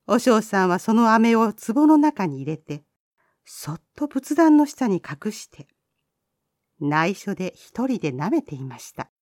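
A woman reads a children's folk tale aloud with a gentle, lively lilt. Her voice rises and falls a lot, and it is recorded close and dry. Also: medium pitch, a little slow, no room sound. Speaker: storyteller.

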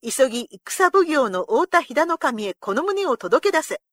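Brief: commanding older feudal lord played by a woman, gruff and proud, storybook reading. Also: medium pitch, very animated, normal speed, fairly bright tone, no room sound, clean studio sound.

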